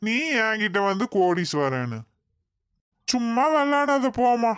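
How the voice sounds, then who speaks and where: A man's voice: high-pitched, very animated, a little slow, fairly bright tone, clear, resonant tone, no room sound, heavily acted. A man voicing a poor village man who grumbles and brushes people off. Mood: dismissive. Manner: dismissive, grumbling.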